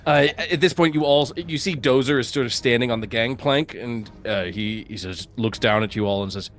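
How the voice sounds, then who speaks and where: Halting male game master, mid-pitched. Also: fairly bright tone. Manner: halting, full of fillers and restarts. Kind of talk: narrating a tabletop game.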